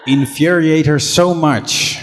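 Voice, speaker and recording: A man's voice: fairly high pitch, steady tone, slow pace. A young man narrating an improvised stage play, reading the stage directions aloud. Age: young adult. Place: large stage hall. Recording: hall reverb with music behind.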